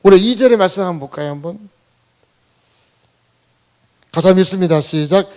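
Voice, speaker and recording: A man's voice: high-pitched, moderate pace, a little mellow. A man, the senior pastor, preaching a Sunday sermon in a church, talking conversationally and often asking the congregation questions. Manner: conversational preaching, asks the congregation questions, leads them in reading aloud. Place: church sanctuary.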